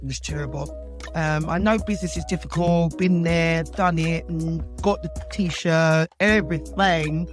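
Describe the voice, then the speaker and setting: A woman's voice: sits low, steady tone, measured pace, soft background music. A woman from London chatting casually on a podcast, exclaiming and talking points through in long run-on turns. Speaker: podcast co-host. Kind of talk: casual chat.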